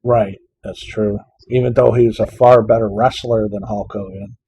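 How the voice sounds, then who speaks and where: A man's voice: lowish voice, fairly even intonation, normal speed, creaky, warm tone, breathy edge, dry recording, rough recording. A man co-hosting a casual podcast, mostly giving short agreeing replies and reading out listener questions.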